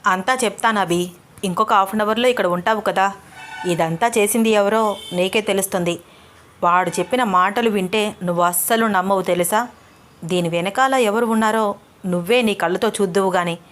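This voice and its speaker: A woman voicing a calm, teasing young friend. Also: mid-range voice, normal speed, slight background noise, natural voice. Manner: calm, reassuring.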